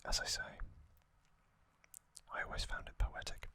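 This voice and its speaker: Whispering softly and breathily right up against the mic, an ASMR video host narrates. He's a man who speaks gently and reflectively, pausing as he goes.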